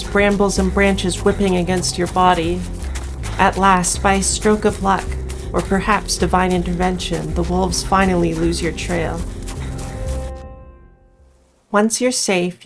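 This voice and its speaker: A woman with a lowish, gravelly voice plays a horror visual novel and reads it aloud. She blends storybook-like narration with casual commentary as she narrates her playthrough.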